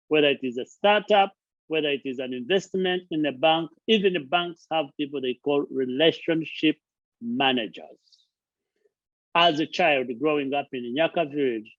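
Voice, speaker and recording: A man from Uganda with a slightly high voice hosts his channel from indoors at a friend's house. The charity founder gives a heartfelt motivational talk, stressing points by listing and repeating words, in a dry recording whose highs are cut off.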